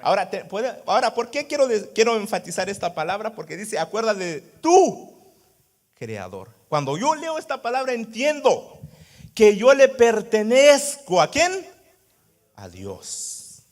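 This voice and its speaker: With a high, lively voice at normal speed, a male pastor holds his congregation through rhetorical questions and a habit of adding "¿verdad?" ("right?") to his lines. His sermon shifts between soft asides and loud exclamations of praise.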